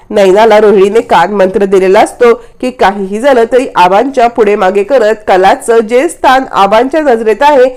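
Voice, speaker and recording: Woman telling a serial recap, fairly high voice, brisk. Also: a little mellow. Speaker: narrator. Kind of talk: serial plot recap narration.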